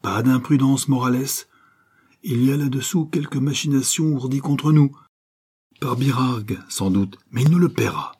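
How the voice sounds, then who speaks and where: A man reading a scheming adventuress from an old serial novel, sharp and urgent in tone. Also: medium pitch, normal speed, husky, voice pushed up. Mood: urgent, commanding. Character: scheming adventuress woman, cold and commanding.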